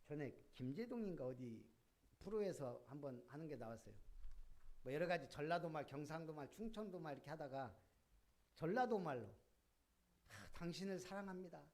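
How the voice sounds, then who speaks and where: A man preaching a sermon as pastor of a church, lively, with rhetorical questions and sudden bursts of emphasis. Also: fairly high pitch, brisk.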